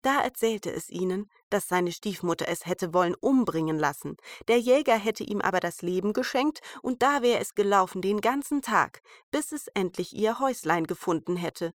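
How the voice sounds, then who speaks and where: A woman reading a fairy tale aloud in an even, measured storytelling manner. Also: mid-range voice, dry recording, clean studio sound.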